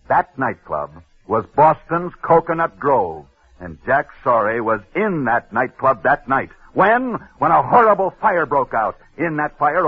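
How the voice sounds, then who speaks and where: Through the tinny sound of an old radio broadcast, a slightly high, breathy male voice spins sports stories and reads advertisements. He uses a punchy, dramatic 1940s delivery, punctuated by sudden drops.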